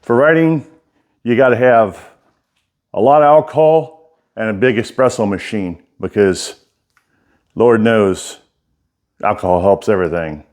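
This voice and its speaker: A middle-aged man with an American accent and a fairly low voice. He speaks out of one side of his mouth in a loose, folksy way. His delivery is that of an informal vlogger rambling as he shows people around. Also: a little slow, pauses often, darkish tone. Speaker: writer and bladesmith giving a workshop tour. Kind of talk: casual walk-through vlog.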